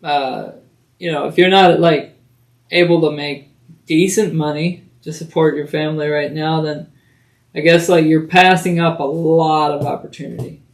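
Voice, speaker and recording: Casual podcast host, higher-voiced man. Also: steady tone, normal speed. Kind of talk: casual conversational interview.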